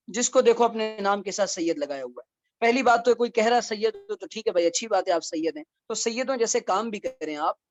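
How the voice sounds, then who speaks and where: A man, a mufti, giving a conversational religious lecture that mixes rulings with wry asides and rhetorical questions. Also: sits high. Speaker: mufti teaching Islamic law. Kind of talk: religious lecture in a teaching series.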